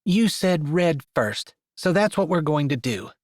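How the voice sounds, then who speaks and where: A man's voice: animated, a little slow, dry recording, clean studio sound. A man doing a bossy, stubborn young woman. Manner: sharp, insistent, higher-pitched delivery.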